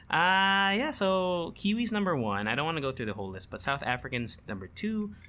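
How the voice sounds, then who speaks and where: A Filipino man co-hosts a casual podcast, chatting, breaking into frequent laughter, and reading a ranked list aloud. His fairly high voice is sing-song, pushed, and bright at normal speed.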